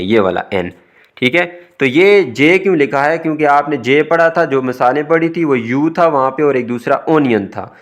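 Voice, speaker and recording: A man with a Pakistani Urdu accent teaching a recorded exam-prep English lesson, patiently explaining each word step by step. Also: mid-range voice.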